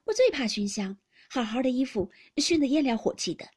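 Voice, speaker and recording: A woman voicing a poised young woman who speaks calmly and gently chides in a storybook reading. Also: sits high, a little fast, slightly rough, full character voice. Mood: gently chiding.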